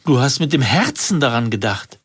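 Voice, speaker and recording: A man's voice: mid-range voice, big pitch swings, moderate pace, husky, no room sound, studio quality. A man reading the lines of his affectionate, sentimental wife in a raised voice. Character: narrator's wife, adult woman, affectionate and sentimental.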